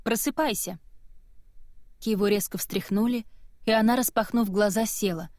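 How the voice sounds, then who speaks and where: A woman's voice: medium pitch, no room sound. Woman narrating an audiobook, dry studio sound. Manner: measured, expressive storytelling. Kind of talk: scripted narration.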